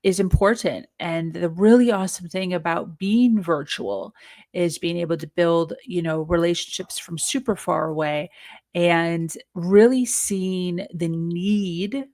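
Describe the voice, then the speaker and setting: A woman's voice: fairly low pitch, unhurried, darkish tone, no room sound, studio quality. A woman entrepreneur as an interview guest, speaking upbeat and earnest about motivation. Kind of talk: casual interview chat.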